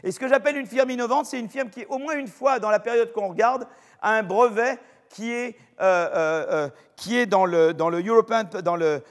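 A man's voice: high voice, moderate pace. An older man with a French accent giving a university lecture in a chatty, digressive way, full of fillers and restarts. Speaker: professor lecturing. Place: lecture hall. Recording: long reverb of a lecture hall.

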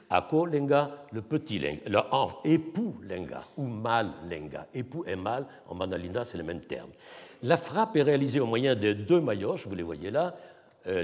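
Male academic lecturer, animated pitch, mid voice, long hall reverb on a lectern mic. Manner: measured, explanatory, demonstrates tones by voice.

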